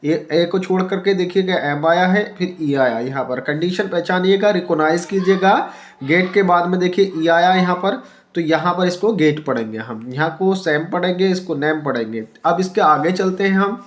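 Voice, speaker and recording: A man's voice: sits high, moderate pace. A man teaching English reading on his channel, spelling out words letter by letter, repeating each point and asking and answering his own questions. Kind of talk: YouTube teaching lesson.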